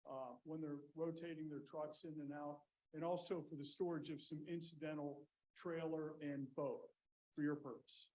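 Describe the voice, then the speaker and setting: Guy lawyering at a zoning hearing, higher-ish voice, lots of uh's, faint hiss. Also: warm tone, rough recording. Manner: methodical, leading questions with frequent uh fillers. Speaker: attorney presenting a zoning case. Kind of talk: questioning witnesses at a public hearing.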